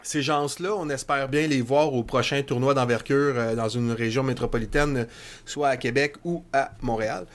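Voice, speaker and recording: A man's voice: mid-range voice, fairly even intonation, normal speed. A man with a Québécois French accent hosting a casual interview, teasing and joking with his guest. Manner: jokey, teasing, corrects grammar playfully. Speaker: podcast host.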